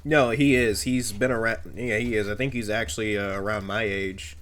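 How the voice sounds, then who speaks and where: A man in his twenties hosting a casual podcast interview, relaxed, reading out listener questions haltingly. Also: fairly low pitch. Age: 20s. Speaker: podcast host.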